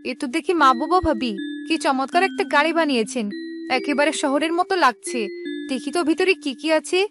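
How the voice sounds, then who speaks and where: A woman doing a high, admiring village neighbor. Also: brisk, lightly acted. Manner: delighted, admiring. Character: curious impressed village woman customer. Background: background music.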